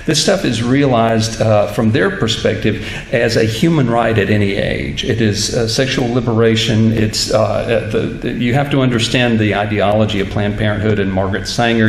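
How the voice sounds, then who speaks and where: A middle-aged minister gives an earnest, halting public lecture from notes at a lectern on a church stage, speaking into a stand microphone. His voice runs on the low side, and the recording has roomy hall echo and clear background noise.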